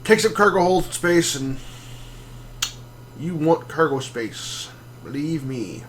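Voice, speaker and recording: Streaming a space game, this man speaks slowly in a voice on the high side, with a bit of background noise. He rambles through relaxed, casual explanations, restarting often and filling gaps with ums.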